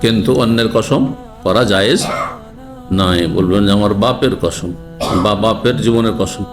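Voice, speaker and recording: A man's voice: fairly low pitch, normal speed, soft background music. A man, an Islamic scholar giving a religious lecture who explains and asks the audience rhetorical questions.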